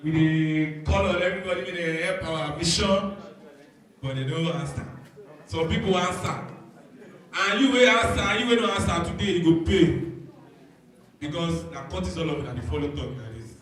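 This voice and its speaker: Male Nigerian comedy host, bright forceful voice, teasing crowd work, heard in a very echoey venue. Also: on the high side, normal speed, long pauses. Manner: teasing, calling out to the audience. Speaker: stand-up comedian and show host. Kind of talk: crowd-work stand-up comedy, mixing English and Pidgin. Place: live comedy venue with an audience. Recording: echoey venue, distant stage sound.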